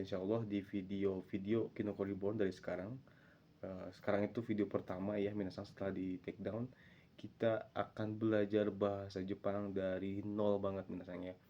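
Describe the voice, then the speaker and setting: A man giving a casual video language lesson, chatty and friendly, slowing down to spell out sounds syllable by syllable. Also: fairly low pitch, mellow, dull audio. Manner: chatty, repeats a friendly term of address, slows down to spell out sounds. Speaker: Japanese language teacher.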